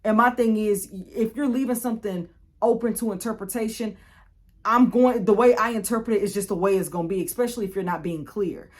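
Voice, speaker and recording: A young woman, telling a storytime vlog in a chatty, animated way, often repeating and restarting. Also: mid-range voice, fairly quick. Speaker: YouTuber.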